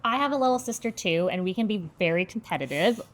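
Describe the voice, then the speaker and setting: A woman's voice: medium pitch, lively intonation, quick pace. A woman hosting a casual interview, asking friendly questions and paying compliments. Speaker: interview host. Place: clothing store.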